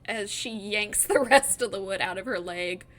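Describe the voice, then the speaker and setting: A woman narrating as game master of a tabletop role-playing game, soft-spoken and often laughing. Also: mid-range voice, moderate pace, a crowd in the background.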